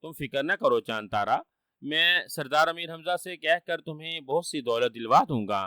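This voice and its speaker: A man's voice: fairly high pitch, lively intonation, sharp tone, dry recording, clean studio sound. A man voicing a wily trickster who fakes dying, whining and sly.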